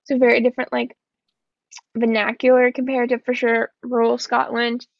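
A woman's voice: on the high side, completely flat delivery, moderate pace, vocal fry, no room sound, highs cut off. A woman co-hosting a casual book discussion, chatty and swearing, acting out quotes. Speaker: book podcast co-host.

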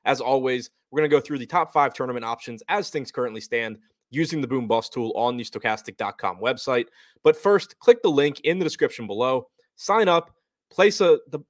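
A man's voice: mid-range voice, no room sound, studio quality. A man hosting a fantasy basketball show, counting down ranked picks and reciting figures in commentary style.

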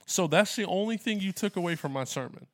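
Male pastor, earnest, animated retelling, dry close sound. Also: high-pitched, fairly quick, no echo. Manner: earnest, retells exchanges with animated quoted voices. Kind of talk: conversational discussion.

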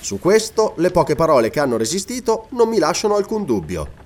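A man voicing a calm, authoritative noble lord leading a careful investigation in a read-aloud novel. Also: fairly high pitch, fairly quick, pitched above the performer's own voice. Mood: methodical. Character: calm authoritative Scottish lord, methodical leader.

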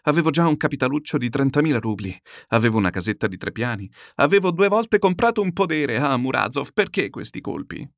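A man's voice: mid-range voice, lively intonation, brisk, gravelly, few pauses, dry recording, studio quality, pitched above the performer's own voice. A man voicing a desperate, ruined middle-aged swindler who pleads and laments in a frantic, self-pitying way.

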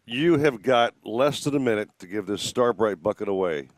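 A man's voice: lowish voice, expressive, normal speed, no room sound. A male radio host in easygoing, joking banter with his co-host and a guest. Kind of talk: casual radio chat.

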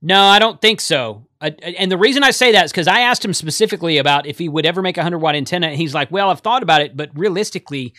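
A man's voice: high voice, quick pace, hardly any pauses, sharp tone, dry recording, studio quality. A man hosting a livestream in a casual, conversational style. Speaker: livestream host. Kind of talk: casual chat.

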